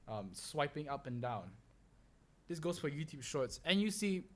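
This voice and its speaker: Young guy, solo podcast host, a little high-pitched, loose and rambling. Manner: rambling, with fillers and restarts.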